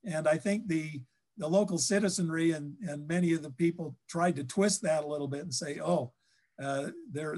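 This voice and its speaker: An older man talks history over a video call from his office, his voice sitting a little high for a man. He stumbles and restarts often, with steady filler sounds between his phrases. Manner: halting, many ums and restarts. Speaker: historian guest. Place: office with bookshelves.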